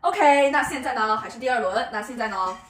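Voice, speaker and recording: Young woman vlogger, high voice, roomy sound. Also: brisk, a bit bright, a little hiss or hum. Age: young adult. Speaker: host of a prank-call game. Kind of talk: casual vlog chat. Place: living room, indoors. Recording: roomy, distant camera mic.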